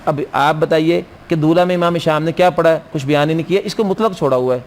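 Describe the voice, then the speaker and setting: Lecturing a class on how to recite the Quran, a man with a slightly high voice tests his students and supplies the answers to his own questions. Now and then he chants Arabic verse lines at a slow pace.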